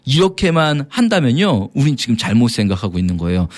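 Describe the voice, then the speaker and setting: Animated man explaining scripture. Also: medium pitch, quick pace. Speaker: Bible teacher. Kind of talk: radio Bible explanation.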